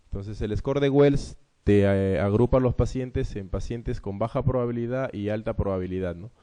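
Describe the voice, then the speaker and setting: Man, Peruvian Spanish accent, medical lecturer, exam review, low mellow voice, explanatory. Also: moderate pace. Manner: explanatory, frequent rhetorical "¿no?" tags.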